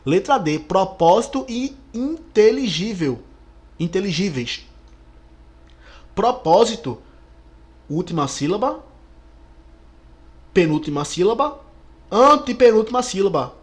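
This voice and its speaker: Lively Brazilian exam-prep teacher. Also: male voice, high voice, slow, long pauses. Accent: Brazilian Portuguese. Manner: lively, stretches key words, checks in with the class. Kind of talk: explaining exam questions.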